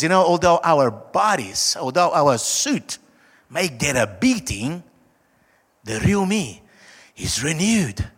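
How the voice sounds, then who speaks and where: A man with a broad South African accent preaching a conversational sermon, emphatic, with dramatic pauses and slowed, stressed phrases. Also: sits high, creaky, bright, forceful tone. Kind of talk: sermon, conversational Bible teaching. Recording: echoey hall with long reverb.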